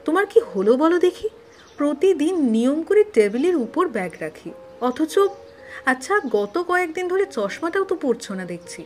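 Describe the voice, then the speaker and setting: An actress playing a caring, anxious young wife in an audio drama, questioning and affectionate. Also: female voice, sits high, big pitch swings, moderate pace, soft background music. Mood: puzzled. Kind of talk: Bengali audio drama acting.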